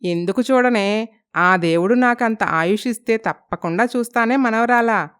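A woman voicing a sharp-tongued, playful old grandmother in a storybook, scolding and teasing. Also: a little high, unhurried, smooth. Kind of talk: storybook narration.

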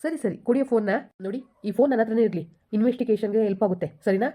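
A woman's voice: fairly high pitch, rapid-fire, mellow, natural voice. A woman doing a stern village police officer. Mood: questioning. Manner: firm, questioning.

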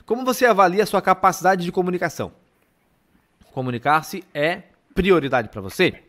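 A man's voice: high-pitched, lively intonation, brisk, fairly bright tone. A man co-hosting a podcast, reading passages aloud and then chatting casually. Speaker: podcast co-host. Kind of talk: casual chat.

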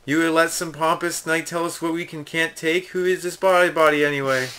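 A man's voice: fairly high pitch, flat delivery, a little fast, sharp tone, clean tone. A man voicing a pompous, theatrical video game hero, reading the dialogue aloud. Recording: game music behind.

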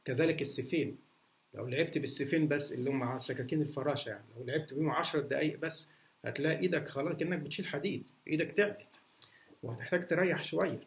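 A martial arts instructor with an Egyptian Arabic accent races through a casual Q&A monologue for viewers, his fairly high voice showing vocal fry. He hesitates a lot, full of fillers and restarts, with slight background noise behind him.

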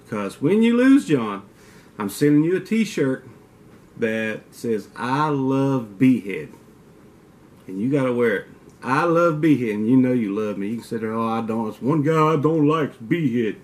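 A man in his forties, host of an outdoors channel, rambles unhurriedly to his desk webcam in an indoor den with mounted antlers, trading teasing trash talk in his Kentucky southern drawl. His voice sits at medium pitch, a little mellow, with lively intonation.

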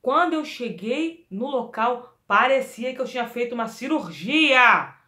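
A woman singing teacher giving a lively vocal lesson, coaching the listener directly and demonstrating exercises. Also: on the high side, unhurried. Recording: echoey room.

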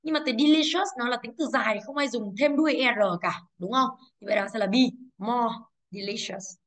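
A woman English teacher with a Vietnamese accent goes over exam answers briskly, her voice fairly high and fairly bright. Patient in her explanations, she asks rhetorical questions to check in and corrects herself.

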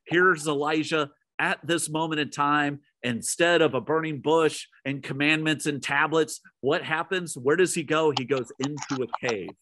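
A man preaching a midweek sermon as pastor, retelling a story and speaking straight to his listeners, who sometimes drops to a soft low voice for emphasis. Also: steady tone, moderate pace, dry recording.

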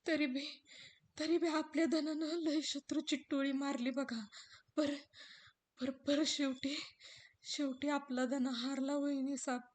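A woman's voice: high-pitched, darkish tone, pitched above the performer's own voice. A woman voicing a distraught male servant in rural Marathi dialect, stammering and repeating himself. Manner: stammering, breaking into sobs. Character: distraught male servant bringing terrible news.

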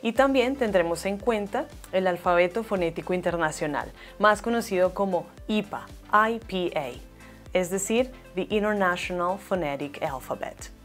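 A woman's voice: mid-range voice, animated, soft background music. Woman teaching English pronunciation. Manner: slow, careful repetition of model words. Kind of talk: scripted pronunciation lesson.

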